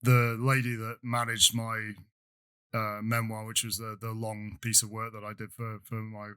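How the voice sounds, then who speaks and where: A man's voice: fairly low pitch, monotone, pushed and bright, smooth. A man co-hosting a podcast, chatting casually and often restarting and repeating words. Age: adult student. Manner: halting, repeats words while talking. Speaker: podcast co-host. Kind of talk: casual chat.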